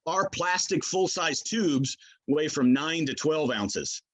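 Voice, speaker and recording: A man's voice: fairly high pitch, expressive, slow. A man explains his products in a casual interview, talking in a folksy, hesitant way as he works through the details. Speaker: game call maker, product expert.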